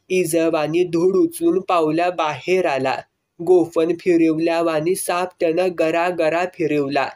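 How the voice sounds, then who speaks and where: A male storyteller with a fairly high voice reads a village tale aloud. He tells it vividly in a rustic country dialect. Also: darkish tone. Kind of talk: narrated reading of a village story.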